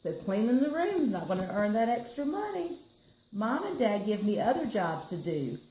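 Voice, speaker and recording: An American library storytime reader shares a picture book with children in a warm, sing-song, mid-range voice at a moderate pace. She adds chatty, explanatory asides, talking to both the listeners and her co-reader. The room has a roomy echo and faint background noise.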